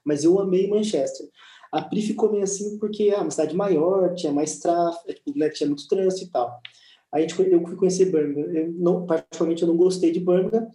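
A Brazilian man chatting casually and enthusiastically on a podcast, talking with animated energy. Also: sits high, fast, echoey room, poor audio. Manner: enthusiastic, animated, says "cara" a lot. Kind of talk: casual chat.

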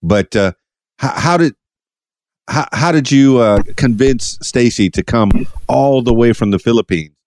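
A Miami podcast host with a medium-pitched, darkish voice speaks unhurriedly in a casual interview. His questions ramble and turn playful, full of stammers and restarts.

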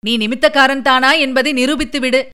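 A woman voicing a sly, quick-witted man who presses others with quick questions in an audiobook story. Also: high voice, steady tone, bright, forceful tone, clean tone. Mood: urgent.

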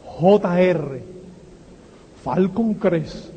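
A man giving a motivational talk, firing rhetorical questions and tagging lines with a quick "eh?". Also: high voice, animated, dark tone, highs cut off, a little hiss or hum. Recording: long hall reverb.

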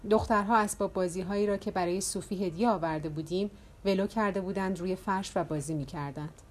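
Woman narrator, first-person audiobook, calm and steady. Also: mid-range voice.

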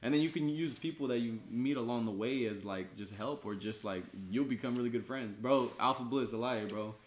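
A man's voice: mid-range voice, a little fast, echoey room. A man from Mexico, a musician, talking casually in a laid-back, slangy way with lots of fillers. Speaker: musician guest. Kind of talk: casual conversation.

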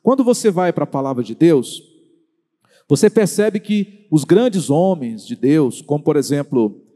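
A Brazilian pastor delivers an animated sermon in a high, dark-toned voice, drawing out key words slowly for emphasis and putting direct questions to his congregation. He speaks into a handheld or stand microphone, and a large church hall gives his voice a long, ringing reverb.

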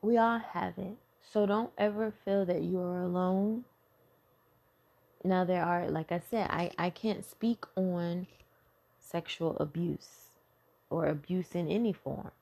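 A middle-aged woman opens up about family and parenting in a blunt, profane, conversational way. Her voice sits low, with a gravelly fry and a dark, mellow tone. She sounds candid and unpolished, like she is talking heart to heart. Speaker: mother. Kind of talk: candid personal talk on self-healing.

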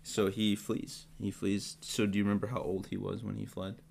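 A man co-hosting a podcast, casually teaching Bible stories with jokes and quick acted-out quotes. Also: lowish voice, creaky, a little hiss or hum. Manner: relaxed, joking, acts out quotes. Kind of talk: casual Bible study chat.

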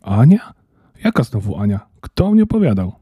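A man's voice: fairly low pitch, animated, moderate pace, dark tone, breathy edge, no echo, studio quality. A man voicing a wary, fussy small male Christmas elf who grumbles reluctantly in a storybook reading. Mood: indignant.

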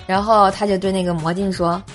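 Her delivery is flat and a little fast, in a mid-range voice, as this woman hosts a comedy podcast full of funny stories. She keeps things playful and laughs a lot while talking, over background music.

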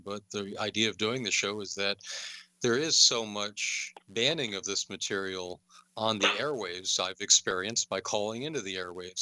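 A man's voice: on the low side, bright, forceful tone, no echo. A man hosting a call-in radio talk show, rambling with lots of filler uhs and the odd sarcastic aside.

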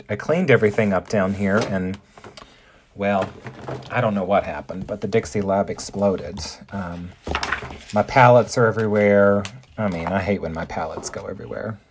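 A man's voice: on the low side, slight background noise. A man in his forties hosting a podcast, chatting in a bubbly, campy way with playful pet names from his makeup table. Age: 40s. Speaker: podcast host. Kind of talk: casual monologue.

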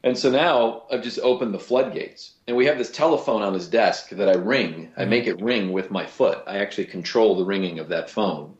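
Low-voiced male voice actor, guest interview, echoey room, dull lo-fi recording. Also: moderate pace, few pauses. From Cleveland, USA. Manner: animated, with frequent restarts. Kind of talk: casual interview talk. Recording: roomy lo-fi recording.

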